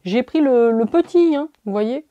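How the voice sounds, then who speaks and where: A woman's voice: high-pitched, lively intonation, measured pace, warm tone, dry recording, dull audio. A woman chatting casually as a beauty vlogger, showing off her gifts with enthusiasm and lots of small fillers. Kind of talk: casual product haul chat.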